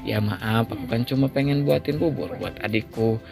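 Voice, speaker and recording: A woman's voice: extremely low pitch, moderate pace, creaky. A man voicing a young pregnant wife who is sensitive, sulky and apologetic, speaking in his own near-normal voice. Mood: tearful. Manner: pleading, apologetic. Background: background music.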